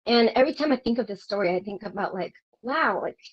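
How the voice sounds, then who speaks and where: A woman's voice: mid-range voice, animated, fast talker, breathy edge, lo-fi sound. A woman from Vietnam who is a guest in an interview, telling her own story in an earnest, reflective way with hesitant restarts.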